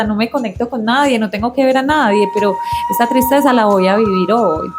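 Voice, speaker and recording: A woman who is a psychologist, explaining her ideas and giving advice as a guest in a conversation. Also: fairly high pitch. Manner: warm, explanatory, gives advice. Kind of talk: reflective conversation.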